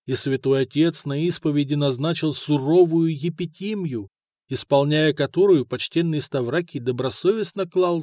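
A man narrating an audiobook story in a steady, expressive storytelling manner. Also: fairly high pitch, no room sound, studio quality. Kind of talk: scripted narration.

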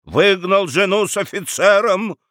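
A man voicing an excitable, pompous middle-aged male lawyer who declaims with pathos. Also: very high voice, takes it slowly, smooth, dry recording, studio quality, pitched above the performer's own voice, exaggerated voice.

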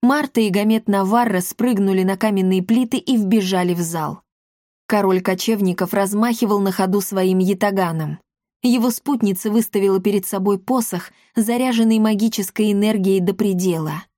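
A woman narrating a fantasy audiobook in an even, clear storytelling manner. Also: mid-range voice, moderate pace, no echo, studio quality. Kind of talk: scripted narration.

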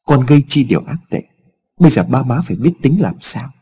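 A man's voice: medium pitch, sing-song, brisk, dark tone, slightly rough. A man voicing a distraught older mother. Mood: distressed. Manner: lamenting and anxious.

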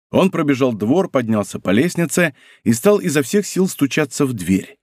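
Expressive male audiobook narrator. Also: a little high, dry recording. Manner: expressive, dramatic reading. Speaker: audiobook reader. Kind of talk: scripted narration of a classic novel. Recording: dry studio recording.

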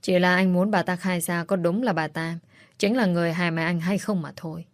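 A woman reads a story aloud in a steady, even storytelling manner. Her voice sits low for a woman. The sound is dry and close. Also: brisk, no echo. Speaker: narrator. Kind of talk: read-aloud story narration.

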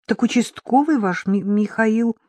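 A woman's voice: a little high, measured pace, a little mellow, no room sound, voice pushed up, close to an everyday voice. A woman voicing an earnest, persistent young woman journalist in an audiobook.

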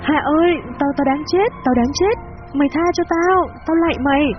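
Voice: high voice, brisk, dull audio, soft background music, voice pushed up, close to an everyday voice. A narrator voicing a cowardly young man who stammers in terror. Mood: begging. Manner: terrified, stammering.

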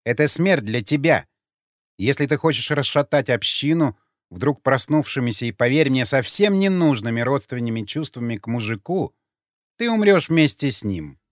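A man's voice: medium pitch, moderate pace, no echo, clean studio sound, close to an everyday voice. A man voicing a cold, cruel warrior-woman leader. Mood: menacing. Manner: menacing, eerily calm.

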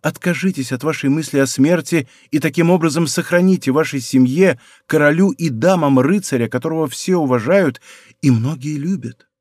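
A man voicing a proud young princess in an audiobook, speaking softly, calmly and deliberately in a dry studio sound. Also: fairly high pitch, no echo, close to an everyday voice. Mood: quiet, composed. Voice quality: soft, hushed. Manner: calm, deliberate and quietly firm. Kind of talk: audiobook character voice.

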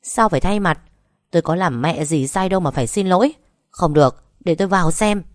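A woman voicing a hot-tempered older mother-in-law who shouts and curses at her relatives. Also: fairly low pitch, animated, normal speed, no echo, studio quality, natural voice. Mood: furious scolding. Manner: shouting, cursing, bossy.

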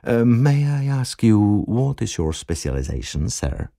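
A man's voice: mid-range voice, big pitch swings, vocal fry, dark tone, no echo, studio quality. A man voicing a polite female flight attendant making formal announcements. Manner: formal, polite, speaks English.

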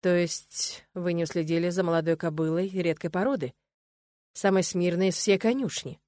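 A woman's voice: fairly low pitch, moderate pace, a little mellow, dry recording, clean studio sound, natural voice. A woman voicing a cold, stern male necromancer lord in an audiobook, clipped and speaking through his teeth. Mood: icy. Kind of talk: audiobook character voice.

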